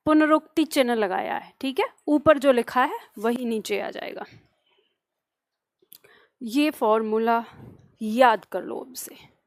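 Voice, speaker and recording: A woman teaching an online grammar class, dictating notes slowly and breaking off to scold students for their comments. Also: sits high, dry recording. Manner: slow deliberate dictation, scolding asides.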